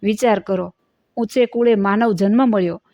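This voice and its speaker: A woman's voice: mid-range voice, normal speed, dark tone, no room sound, clean studio sound. A woman narrating a devotional moral story in a preachy, cautionary manner.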